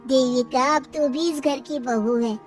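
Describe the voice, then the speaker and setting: A woman voicing a timid, resigned older mother-in-law who gives hushed advice. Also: high-pitched, steady tone, a little slow, far from the mic, soft background music.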